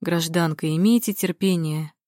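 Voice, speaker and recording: A woman's voice: lowish voice, level tone, normal speed, dry recording, studio quality, natural voice. A woman voicing a tired, curt young male police lieutenant who speaks in an official, weary tone.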